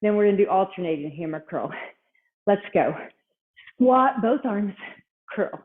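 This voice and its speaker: A woman's voice: medium pitch, animated, a little slow. A woman instructor leading a workout, exercising along as she gives short cues and encouragement. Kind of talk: workout coaching, counting reps and cueing moves. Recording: thin, phone-like, band-limited sound.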